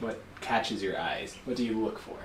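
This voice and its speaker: A man's voice: on the low side, animated, moderate pace. A man on a livestream, teasing his friends and asking casual questions. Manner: playful, teasing. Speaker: livestream co-host. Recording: distant mic in echoey, noisy room.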